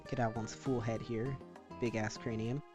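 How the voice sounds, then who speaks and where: A man talking casually and with some swearing as a streamer who draws live, rambling in an animated way. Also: mid-range voice, moderate pace, music in the background. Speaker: streamer drawing art live. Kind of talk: casual livestream chat while drawing.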